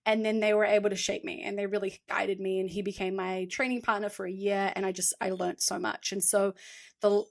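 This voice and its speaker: A woman's voice: medium pitch, creaky. A woman, a guest athlete and coach telling a story in a casual chat, acting out the lines she quotes. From New Zealand. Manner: animated, acts out quoted dialogue, laughs often.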